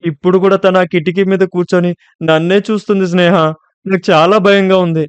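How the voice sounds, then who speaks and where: A man voicing a frightened, angry young college woman who shouts accusations through her tears. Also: sits high, steady tone, quick pace, clean tone, no room sound, muffled recording, pitched above the performer's own voice, lightly acted. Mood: scared, accusing.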